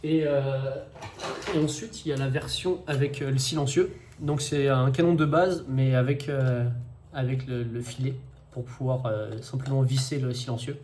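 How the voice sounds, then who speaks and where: Hesitant man with a mellow voice. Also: medium pitch, fairly even intonation, moderate pace, slight background noise. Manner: hesitant, many fillers and restarts, first time commenting. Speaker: 3D-printing maker demonstrating an assembly. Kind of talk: casual tutorial commentary.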